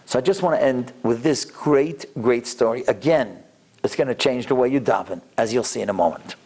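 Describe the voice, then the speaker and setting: A man's voice: medium pitch, fairly quick, a little mellow, slightly rough. A man giving an anecdotal, inspirational religious lecture as a rabbi, acting out dialogue and repeating words for emphasis.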